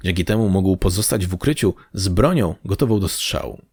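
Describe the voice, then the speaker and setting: A man narrating an action audiobook in a steady, even storytelling manner. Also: deep voice, brisk, slightly rough, no room sound, studio quality.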